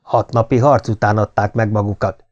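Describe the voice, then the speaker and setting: A man reading an audiobook voices a blunt, defiant sergeant of the legion in a raised, forceful voice. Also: on the low side, fairly even intonation, lo-fi sound, lightly acted. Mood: grim. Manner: blunt, grim and confrontational.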